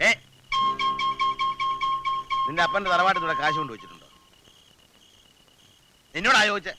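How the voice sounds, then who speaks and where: An actor playing a scornful older patriarch. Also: male voice, high voice, normal speed, loud music behind the voice, natural voice, poor audio. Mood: scolding. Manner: gruff, scornful and sarcastic. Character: stern, scolding older father of a big family. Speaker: family patriarch. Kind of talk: film comedy acting.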